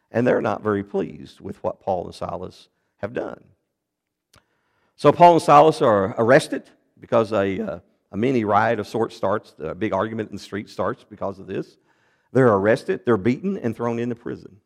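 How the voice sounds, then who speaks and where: A man preaching a sermon, retelling a Bible story in an animated storytelling manner with big swings in pitch and loudness. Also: creaky.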